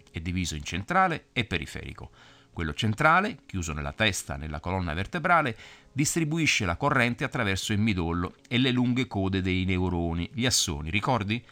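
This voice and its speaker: Male narrator, children's story, lower voice with a very lively pitch, gently explains to a child.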